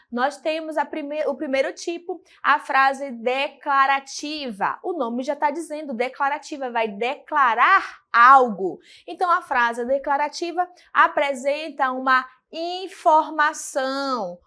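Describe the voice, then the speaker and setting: A woman's voice: sits high, bright, forceful tone. A woman from Brazil, a teacher giving a recorded Portuguese lesson, who asks her students questions and answers them herself.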